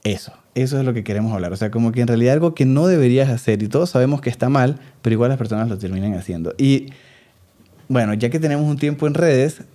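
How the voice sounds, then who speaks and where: Venezuelan guy in his 30s chatting on a podcast, warm low tone, acts out what people say. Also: fast talker. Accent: Venezuelan Spanish. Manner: animated storytelling, acts out quoted voices. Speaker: podcast co-host. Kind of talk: casual chat.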